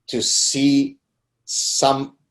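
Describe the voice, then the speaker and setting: The middle-aged Lebanese guest author, whose native tongue is Arabic, speaks in a monotone, a bit bright, drawing out his words. In this conversational interview he's still emphatic, with rising pitch on the points that matter.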